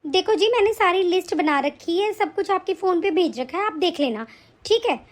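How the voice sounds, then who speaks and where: A harsh, nagging daughter-in-law, as a woman plays her in an animated story. She scolds in a sharp, complaining tone. The voice is very high. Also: normal speed. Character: cruel, scolding young daughter-in-law, mother.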